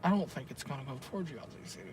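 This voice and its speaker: A man's voice: medium pitch, expressive, rapid-fire. A man giving casual, colloquial live commentary as a storm chaser. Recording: noisy field audio, outdoor and vehicle noise.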